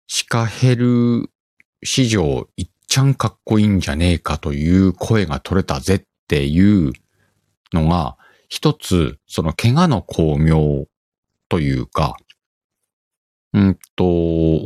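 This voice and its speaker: This podcast host is a middle-aged man with a Kansai accent, chatting casually on his own. His voice is very low but swings up and down as he rambles through a lively story, recorded close and dry with no room sound or echo.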